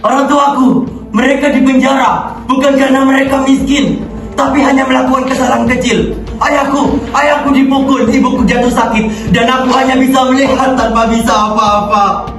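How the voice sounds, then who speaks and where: A woman's voice: high-pitched, steady tone, normal speed, natural voice. A young woman playing a tragic heroine, a poor chained prisoner pleading in anguish in a theatrical monologue. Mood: grieving, accusing. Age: teenager. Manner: anguished, pleading, dramatic declamation. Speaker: student actor in a theatre monologue. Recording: echoey hall from far off, music behind. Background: music.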